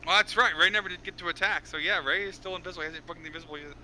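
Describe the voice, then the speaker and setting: A man runs a tabletop game session, describing scenes in a loose, casual way with plenty of swearing. His voice sits high and rings very bright. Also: rapid-fire, a little hiss or hum, poor audio. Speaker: game master.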